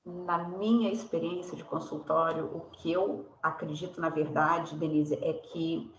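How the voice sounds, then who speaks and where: A woman host and fellow clinician speaking in a measured, reflective way over a video call. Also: sits low, steady tone, muffled recording. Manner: measured, reflective, builds on the guest's points. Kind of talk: reflective conversation in an online talk. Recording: echoey room, faint background noise.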